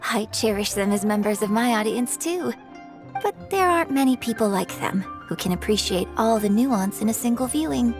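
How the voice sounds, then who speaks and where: A woman voicing a composed young opera star who speaks in a measured, earnest way, in game audio with faint music. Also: fairly high pitch, animated. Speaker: game character. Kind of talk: video game voice acting.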